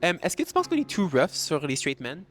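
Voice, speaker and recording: Playful bilingual Quebec host. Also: male voice, a little high, wildly swooping pitch, fast talker, fairly bright tone. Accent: Quebec French. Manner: playful, switching between French and English. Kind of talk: street interviews.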